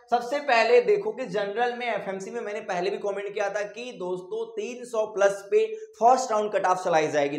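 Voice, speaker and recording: A male coaching teacher giving assertive, confident admissions advice straight to his students. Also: sits high. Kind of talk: direct-to-camera advice video. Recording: echoey room.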